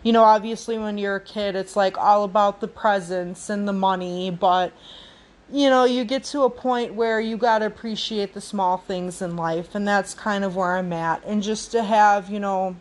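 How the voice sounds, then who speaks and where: A woman's voice: medium pitch, fairly even intonation, moderate pace. A woman in her late twenties hosting a podcast alone, talking in a reflective way with many fillers and restarts. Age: 20s. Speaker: podcast host. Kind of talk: casual solo podcast talk.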